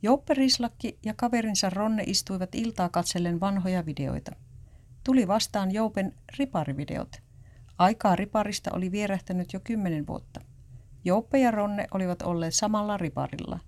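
A woman narrating a story aloud in a calm, even storytelling manner. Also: mid-range voice.

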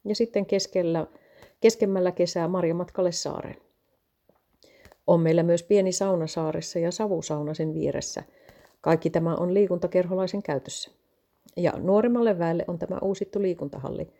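A woman's voice: fairly low pitch, dark tone, lightly acted. A woman reading the lines of a cheerful male vicar in a read-aloud story, eagerly listing what his parish offers. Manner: eager, salesy, enthusiastic listing.

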